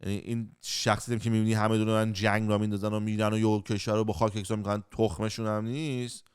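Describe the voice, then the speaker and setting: A man's voice: lowish voice, little pitch movement, clear, resonant tone, no room sound, clean studio sound. A middle-aged man hosting a chat podcast, bluntly acting out whole conversations and swearing freely. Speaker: podcast host. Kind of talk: casual chat.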